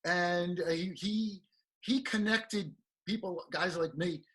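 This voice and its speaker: A man's voice: high-pitched, slow pace, fairly bright tone, husky. A man, hosting an interview and asking long, rambling, chatty questions. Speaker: interview host. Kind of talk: casual interview.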